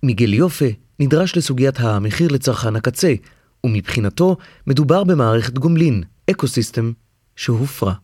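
A male podcast host reads formal, scripted narration in a measured, even delivery. The recording is dry and close, with no room sound. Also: mid-range voice, slightly rough, dry recording.

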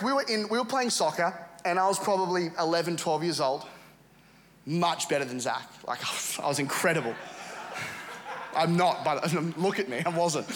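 A man preaching at a revival service, telling funny stories with quick asides and bursts of shouting. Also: high voice, a little hiss or hum. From England. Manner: humorous, animated storytelling with quick asides. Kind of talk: sermon. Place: church service with congregation.

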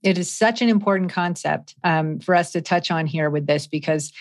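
A woman with a very low voice hosts a podcast interview. She speaks in a conversational way and often restarts her sentences as she puts her questions to the guest. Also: normal speed. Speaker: podcast host.

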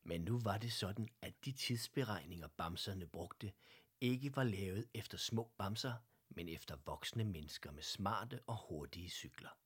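A man narrating a children's audiobook in a calm, lively read-aloud manner. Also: sits low, breathy edge.

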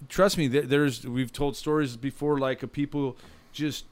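A man hosts a podcast in an easygoing, casual chat. He talks loosely, with slang and frequent fillers as he gathers his thoughts. His pitch is at a typical middle level for a man. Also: fairly even intonation, moderate pace, darkish tone. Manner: laid-back, slangy, many fillers. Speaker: podcast host.

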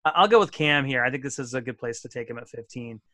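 Bright-voiced, chatty male podcast host. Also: medium pitch, animated, quick pace, no room sound, clean studio sound. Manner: chatty, self-deprecating, restarts often. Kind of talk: casual fantasy sports podcast chat.

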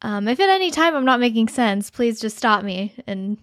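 A woman's voice: fairly high pitch, expressive, normal speed, dry recording, studio quality. A woman co-hosting a podcast, talking in a chatty, self-deprecating way with fillers, over a remote call microphone. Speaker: podcast co-host. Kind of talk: casual podcast chat.

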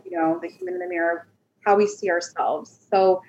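A woman hosting a podcast interview, asking questions in a gentle, hesitant way with frequent filler words. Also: lowish voice, fairly even intonation, a little fast, slight background noise. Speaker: podcast host. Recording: dull lo-fi recording.

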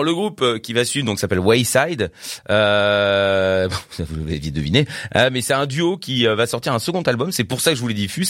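A male music radio host talks loosely and warmly about the next track, full of hesitations and small laughs. His pitch leaps about in a lively way. The sound is dry and close, with no room echo. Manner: chatty, rambling, with fillers and laughs. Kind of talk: casual radio presenting.

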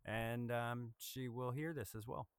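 A man's voice: mid-range voice, fairly even intonation, a little slow, smooth, no echo, clean studio sound. A man co-hosting a podcast in casual banter, joking and acting out quoted exchanges in his stories.

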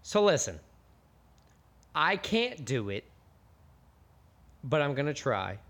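A man's voice: fairly high pitch, big pitch swings, takes it slowly, fairly bright tone. An American man co-hosting a podcast, chatting casually with enthusiastic, rambling jokes. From United States. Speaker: podcast co-host.

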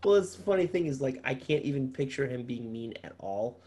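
Animated man chatting with friends. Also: mid-range voice, a little fast. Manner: animated, emphatic agreement, laughs easily. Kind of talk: casual chat.

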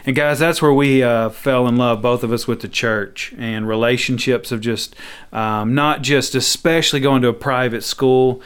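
Man, clear smooth voice, mid pitch, casual storytelling, informal. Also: steady tone, moderate pace. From Arkansas. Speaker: church co-pastor, podcast guest.

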